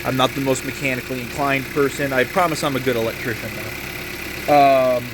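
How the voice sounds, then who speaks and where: A man chatting through a home car-mod job with dry humor, now and then erupting into cursing rants. His voice sits at an ordinary middle pitch. Engine and shop noise run clearly under his talk. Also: fairly even intonation, fairly quick. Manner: wry, rambling, bursts into profane rants. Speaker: DIY car-modding vlogger. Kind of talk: casual self-filmed how-to chat. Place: garage and inside a car.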